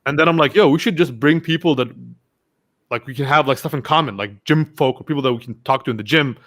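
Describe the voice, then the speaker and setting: A man's voice: medium pitch, quick pace. A young man, a podcast guest, telling casual stories and acting out what his friends said. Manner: animated, acts out quoted friends. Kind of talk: casual storytelling interview.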